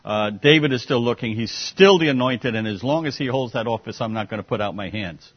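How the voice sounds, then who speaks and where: A man's voice: medium pitch, brisk. A man leading an informal Bible study, explaining scripture in a conversational way with sarcastic asides, and taking questions from the group. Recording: dull muffled classroom recording.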